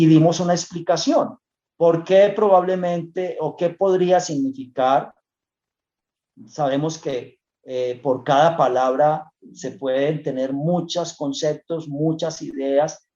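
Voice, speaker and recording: A Bible study teacher giving an unscripted lesson to a congregation, talking in a halting way with frequent hesitations and restarts. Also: mid-range voice, mellow. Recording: dull lo-fi recording.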